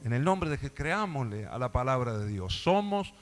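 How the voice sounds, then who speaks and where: A man's voice: mid-range voice, big pitch swings, normal speed. Argentine-sounding preacher guy, emphatic, asks the crowd for amens, music playing under him. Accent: Rioplatense Spanish. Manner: emphatic preaching with call-and-response asides; acts out quoted dialogue, laughing often. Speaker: pastor. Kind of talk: sermon. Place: church.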